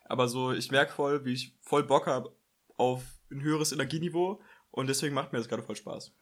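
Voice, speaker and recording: A man with a husky, slightly breathy voice chats loosely on a podcast, trailing off and hunting for words. He sounds low on energy from skipping caffeine, and his pitch sits in an ordinary middle range. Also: fairly even intonation, brisk. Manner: rambling, searches for words. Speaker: podcast co-host. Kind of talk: casual chat.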